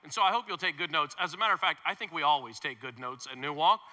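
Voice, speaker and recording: Male pastor, sermon, high voice, long hall reverb, emphatic conversational delivery. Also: lively intonation, quick pace, pushed and bright. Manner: emphatic, conversational preaching with playful asides. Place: large church hall.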